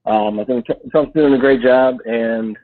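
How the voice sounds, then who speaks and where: A man from Detroit calling in on speakerphone to a radio show, talking haltingly with many fillers and restarts. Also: mid-range voice. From Detroit, United States. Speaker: caller. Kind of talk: call-in radio chat. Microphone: phone on speakerphone. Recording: tinny phone line on speakerphone.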